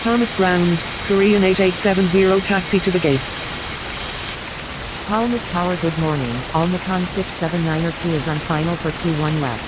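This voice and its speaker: A woman's voice: on the low side, steady tone, moderate pace, long pauses. A woman voicing a businesslike airline pilot over the radio, giving clipped, procedural calls in a flight simulator game. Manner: clipped, procedural read-backs. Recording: loud hissing radio static.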